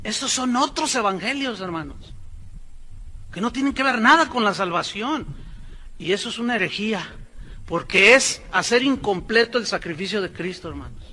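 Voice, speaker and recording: A male pastor preaching a sermon, emphatic, swinging between loud declarations and hushed asides. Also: high voice, lively intonation, normal speed.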